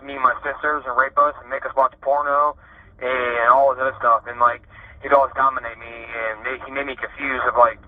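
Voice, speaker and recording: A man in his thirties from Ohio, a prison inmate calling on a prison phone and telling his story in a halting way, with many fillers and restarts. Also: medium pitch. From Ohio, USA. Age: 30s. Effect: heard over a prison phone line. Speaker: prison inmate being interviewed. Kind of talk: candid personal account. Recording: tinny prison phone line.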